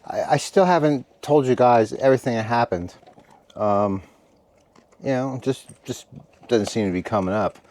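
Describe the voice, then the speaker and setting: A tired, relaxed man chatting casually to his viewers from inside a heated tent at night, rambling and stopping to talk to his dog. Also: mid-range voice, moderate pace. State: tired after a meal. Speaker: camping vlogger. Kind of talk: casual vlog chat.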